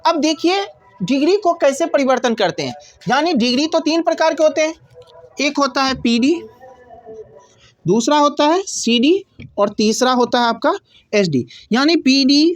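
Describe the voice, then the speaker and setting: A woman with a high voice teaches a grammar lesson. She explains patiently step by step, posing questions and answering them herself. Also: expressive, a little slow, no echo.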